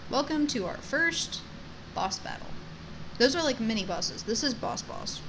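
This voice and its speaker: Speaking a little slowly, this gamer has a fairly high pitch and lively intonation. She jokes at her own expense and chats with the characters during her playthrough while the game's music plays in the background.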